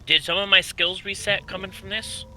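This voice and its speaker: A man's voice: sits high, fairly even intonation, normal speed, bright, forceful tone, slight background noise. A man playing in a tabletop game, asking the game master questions. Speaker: player.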